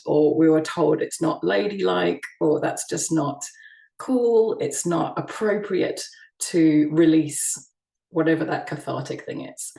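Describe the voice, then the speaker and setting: A soft-spoken woman from the United Kingdom, a sound healing practitioner, giving a gentle summit talk with frequent ums and restarts. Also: deep voice, creaky, reverberant, far from the mic, poor audio. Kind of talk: online summit presentation.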